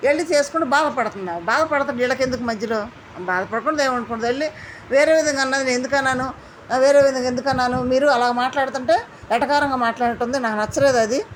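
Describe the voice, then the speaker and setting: Fast-talking high-voiced woman reviewer. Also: slight background noise. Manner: indignant, quotes housemates in mimicry. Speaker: reality show reviewer. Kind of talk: animated commentary recap.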